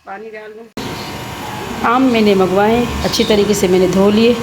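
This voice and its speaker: Even-toned woman vlogging her kitchen chores. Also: medium pitch, normal speed, noisy background. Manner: matter-of-fact, narrating her chores step by step. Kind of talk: casual home vlog narration.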